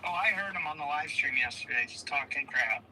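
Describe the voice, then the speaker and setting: A man's voice: a little high, lively intonation, a little fast, crowd noise, rough recording. A man heard through a phone on speakerphone, teasing and offhand as he is called in to help. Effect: heard over a phone on speaker.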